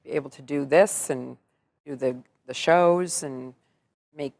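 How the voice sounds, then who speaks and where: In a casual interview, a middle-aged woman who works as an entertainer and singer talks upbeat about her job. Her voice is low-pitched, gravelly and darkish, and she speaks unhurriedly. She's chatty and laughs easily.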